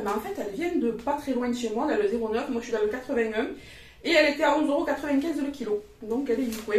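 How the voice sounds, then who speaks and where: A chatty woman in her thirties from southern France, with a southern French accent, casually shows off her grocery haul, talking frankly and colloquially. Her high, slightly mellow voice comes from off the mic and sounds distant, with a roomy echo and slight background noise.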